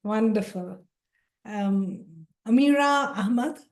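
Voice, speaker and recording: A woman's voice: mid-range voice, takes it slowly, darkish tone. A woman facilitating an online leadership workshop, calling out participants' names and introducing the session. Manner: friendly, calls out names one by one. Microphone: video call.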